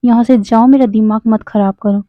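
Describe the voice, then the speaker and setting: A woman's voice: on the high side, steady tone, normal speed, dry recording, lightly acted. A woman doing a curt, snapping young father. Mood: irritated. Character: irritable young father, sharp and dismissive. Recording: dry, phone-like narrow sound.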